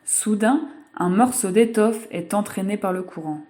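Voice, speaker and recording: A woman narrating a children's picture book aloud in an expressive, measured way, as the voice-over for a sign-language reading. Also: mid-range voice. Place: voice-over for a video.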